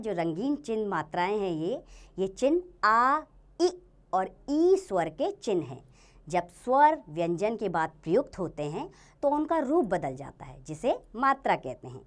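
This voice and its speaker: A woman teacher giving a grammar lesson to young children, sounding out letters and words slowly and asking them questions she then answers herself. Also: medium pitch. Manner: slow, sounding out each letter and word.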